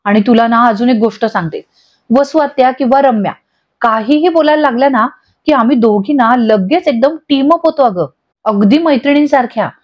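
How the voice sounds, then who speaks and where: Woman doing a gentle, level-headed young wife. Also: on the high side, normal speed, natural voice. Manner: calm, gently scolding. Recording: dull lo-fi audio.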